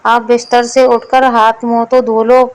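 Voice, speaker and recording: A woman's voice: a little high, level tone, unhurried, a little hiss or hum, lightly acted, poor audio. A woman voicing a cheeky, literal-minded male servant answering his master back in a storybook.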